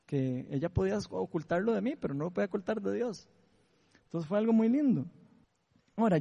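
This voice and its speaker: A man's voice: a little high, warm tone, in a large hall. A man with a Costa Rican accent preaching a sermon testimony, telling a story and often asking the listeners for agreement.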